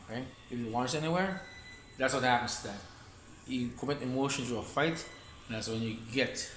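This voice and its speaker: There's a little hiss or hum as a man with a medium-pitched, a bit bright voice gives a casual martial arts demonstration. He teaches Wing Chun in a rambling way, repeating himself while showing moves, in an echoey room with faint ambience.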